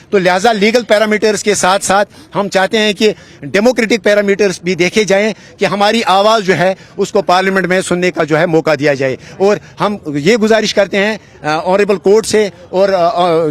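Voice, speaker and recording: A man with a Kashmiri accent, speaking earnestly at an outdoor protest interview, often pausing and restarting. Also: high voice. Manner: earnest, halting with many fillers and restarts. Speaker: politician at a protest. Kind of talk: on-the-spot interview.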